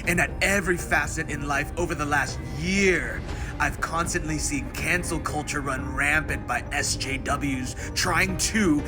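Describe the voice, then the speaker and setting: A man's voice: fairly high pitch, lightly acted. A man giving a hammy, theatrical dramatic reading as an angry, aggrieved male board game hobbyist ranting online. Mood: aggrieved, indignant. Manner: reads punctuation marks aloud. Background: music.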